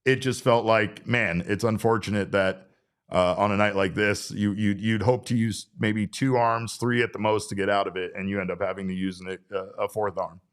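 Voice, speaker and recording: A man's voice: lowish voice, steady tone, moderate pace, clean tone. Rambling man in his forties. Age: 40s. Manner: rambling, self-interrupting. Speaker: podcast host. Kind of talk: casual sports talk.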